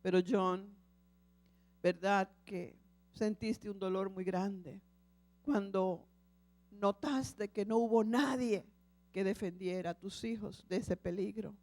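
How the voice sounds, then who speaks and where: A woman preacher voicing the Lord, speaking softly and slowly as He gently pleads with a grieving man. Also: mid-range voice, no echo. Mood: gently pleading. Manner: soft, slow, imploring. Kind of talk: sermon storytelling.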